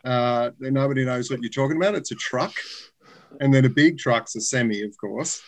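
A man's voice: medium pitch, brisk. An Australian man, a podcast guest living abroad, chatting in an easygoing, thoughtful way. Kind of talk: casual chat.

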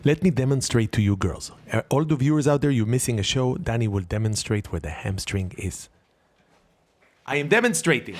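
A man's voice: medium pitch, background noise. A man hosting a casual family chat, playful and joking, teasing the others. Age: adult. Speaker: host of a family sports show.

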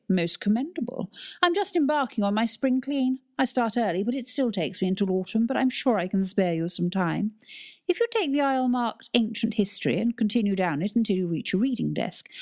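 A woman's voice: a little high, a little mellow, voice pushed up, close to an everyday voice. A woman voicing a haughty, regal woman librarian who speaks in a clipped, commanding way.

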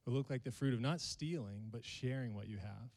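A man's voice: mid-range voice, fairly quick, a little mellow, in a large hall. A male pastor, preaching a sermon to his congregation and joking with them. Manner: playful, jokes with the congregation.

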